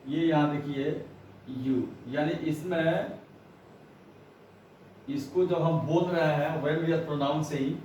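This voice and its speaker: A male teacher giving a grammar lesson, slowly spelling out words and repeating them, mixing in English phrases. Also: fairly high pitch, steady tone, darkish tone, a little hiss or hum. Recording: echoey room, voice far from mic.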